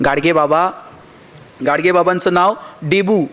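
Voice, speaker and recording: A man's voice: high-pitched, a little slow, a bit bright. A man giving a motivational speech, telling stories, acting out dialogue and asking the audience rhetorical questions. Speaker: motivational speaker.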